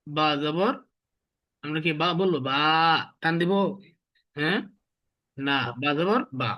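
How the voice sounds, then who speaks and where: A man's voice: a little high, fairly bright tone. Man drilling Arabic letter sounds. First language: Bengali. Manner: repetitive, drills syllables slowly and asks students to repeat. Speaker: Arabic alphabet teacher. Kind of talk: classroom lesson with call-and-response drilling.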